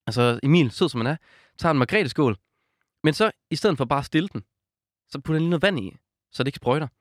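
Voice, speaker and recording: A man's voice: a little high, dry recording. Young man telling a story, dry close mic. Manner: animated storyteller, acts out quotes, laughs a lot. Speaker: podcast co-host. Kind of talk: casual chat, telling a story.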